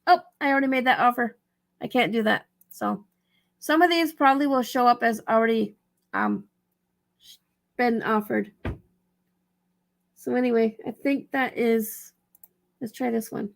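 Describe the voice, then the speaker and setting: A vlogger giving reselling tips walks viewers through a task in a casual screen tutorial. Her voice is fairly high with some creak, sounding raspy, tired, and dry-throated, and she speaks a little slowly with long pauses. She rambles, thinking aloud and correcting herself as she goes.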